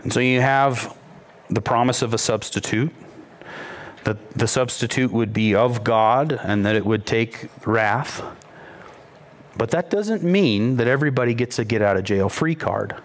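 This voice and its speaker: Male pastor, mid-pitched, animated sermon storyteller. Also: unhurried. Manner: storytelling, rises in pitch when quoting mockery.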